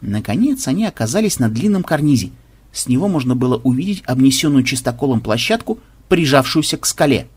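A man reading an audiobook aloud with expressive, dramatic narration. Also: medium pitch, brisk, slightly rough.

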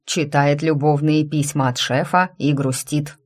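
A woman's voice: deep voice, steady tone, unhurried, a little mellow. A woman voicing a burly male werewolf coworker who talks in a lazy, mocking drawl. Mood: teasing.

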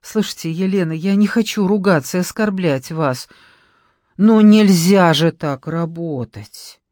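A woman's voice: on the low side, unhurried, a little mellow, no echo, clean studio sound, lightly acted. A woman reading an audiobook, voicing a stern middle-aged woman who talks in an indignant, curt, commanding way.

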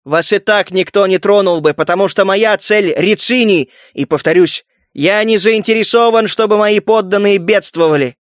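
A man's voice: sits high, moderate pace, no room sound, clean studio sound, natural voice. A man reading a persuasive warlord emperor.

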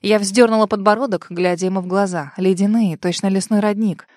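Audiobook reader, woman, expressive first-person narration, mid-pitched, close dry studio sound. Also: fairly quick, no room sound.

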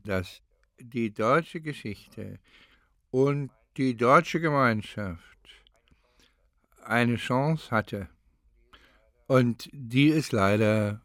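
Recalling his life in an interview, an older man who once worked as a professor in East Germany talks in a reflective, halting way while looking for words. His voice is medium-pitched with a fairly bright tone.

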